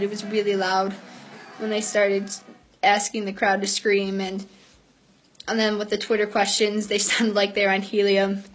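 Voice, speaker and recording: A woman's voice: mid-range voice, husky, low-quality recording. A woman telling a concert story in a chatty, rambling way with lots of fillers. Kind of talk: casual storytelling.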